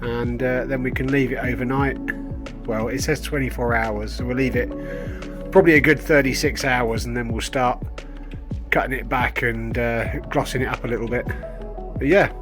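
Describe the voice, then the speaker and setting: Over music, this British vlogger speaks in a mid-range voice with fairly even intonation and a moderate pace. The livestream-style chat is informal and playful, with him often talking to himself as if working things out aloud.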